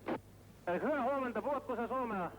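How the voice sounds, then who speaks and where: A man with Finnish as his native language making a halting distress call over marine radio. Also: very high voice, lively intonation. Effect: marine radio transmission. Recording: noisy, crackling VHF marine radio.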